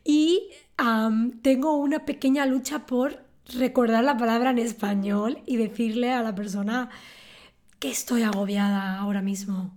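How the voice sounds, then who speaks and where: A woman, giving a calm, clear scripted lesson on words. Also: a little high, a little slow. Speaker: Spanish teacher.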